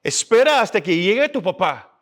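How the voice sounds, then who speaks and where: Guy doing a fed-up mom yelling at her two boys, pitched way up high. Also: big pitch swings, normal speed. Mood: scolding. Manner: scolding, fed-up. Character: exasperated mother scolding two fighting sons.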